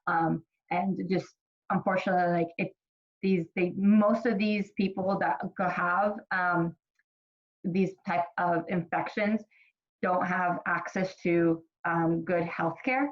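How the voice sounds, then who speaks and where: A woman from Ethiopia teaches a college microbiology class in a loose, conversational way, full of fillers and restarted sentences. Her voice sits a little low for a woman. The recording sounds slightly dull and lo-fi. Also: steady tone, slow pace. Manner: chatty, many fillers and restarts. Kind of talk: casual recorded lecture.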